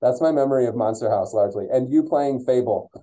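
A man's voice: medium pitch, quick pace, dark tone, poor audio. American man hosting, hollow tunnel-like sound. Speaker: podcast host. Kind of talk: casual conversational podcast hosting. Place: remote video call.

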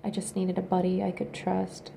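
A woman quietly telling a personal story in a hesitant, halting way, pausing often. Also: on the low side, monotone, creaky, a little hiss or hum. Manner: hesitant and halting, with many pauses and fillers; quiet, subdued recounting. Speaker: video creator.

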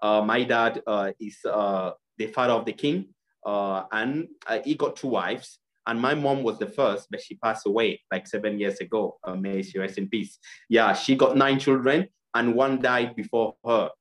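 Casting: young man from Cameroon, earnest and halting, video call guest. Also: lowish voice. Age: young adult. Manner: earnest, many fillers and restarts. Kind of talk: interview over video call.

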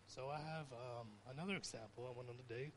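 A man's voice: mid-range voice, fairly quick, creaky, heavy background noise. A young man giving an informal sermon, talking conversationally and telling stories with rising emphasis. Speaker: preacher.

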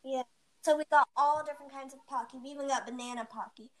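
Teen girl, high voice, rambling story full of "like" and "basically", chatty podcast co-host. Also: fast talker. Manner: rambling, animated storytelling with many fillers. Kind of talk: casual chat, storytelling. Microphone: home mic, recorded remotely.

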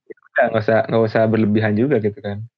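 A man's voice: lowish voice, level tone, fast, dry recording. Young man with a tinny dry sound. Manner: slangy, hesitant, full of restarts. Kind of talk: casual chat.

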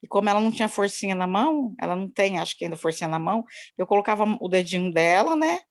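A woman's voice: medium pitch, expressive, fast. Rambling woman telling a story by phone. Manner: rambling and repetitive, many "né?" tags. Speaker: daycare worker sharing an experience. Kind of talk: personal story told in a group call. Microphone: phone on a video call.

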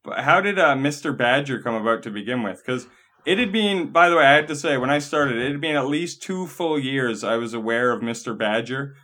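A man's voice: mid-range voice, lively intonation, a little fast, bright, forceful tone. A man hosting a podcast, chatting in an easygoing way, swearing casually and laughing along with his guest. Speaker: podcast host. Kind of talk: casual interview chat.

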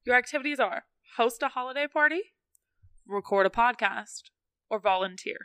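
A woman co-hosting a podcast, chatting casually with quick laughs and teasing reactions. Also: a little high, a bit bright, smooth, no echo. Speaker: podcast co-host. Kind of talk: casual chat.

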